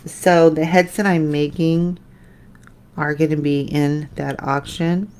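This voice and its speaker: Slow, gravelly low-voiced woman painter. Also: fairly even intonation. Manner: chatty, answers viewer comments while painting; drifts into soft mutters when concentrating. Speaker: painting tutorial host. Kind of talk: live painting demo, casual chat.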